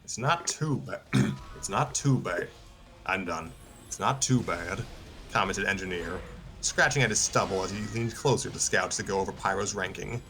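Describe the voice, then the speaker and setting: Background music plays clearly as a low-pitched man hosts a casual livestream at a moderate pace. He reads a story aloud and chats hesitantly, hedging as he talks.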